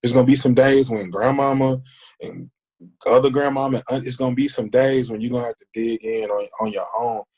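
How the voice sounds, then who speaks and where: A man's voice: medium pitch, brisk, darkish tone. A man in his forties, a podcast guest, talking earnestly and emphatically, repeating questions to drive his point home. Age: 40s. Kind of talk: casual conversation.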